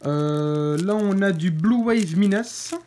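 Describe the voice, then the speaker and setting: A woman's voice: mid-range voice, slow, warm tone. A woman hosting her own channel, giving casual unboxing commentary to viewers, hesitant, with many fillers and self-corrections. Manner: informal, talks straight to viewers. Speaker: fireworks channel host.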